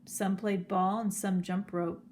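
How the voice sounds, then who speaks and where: A woman reading a children's picture book aloud, telling the story slowly and clearly. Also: mid-range voice, level tone, a little mellow, a little hiss or hum. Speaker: storybook reader.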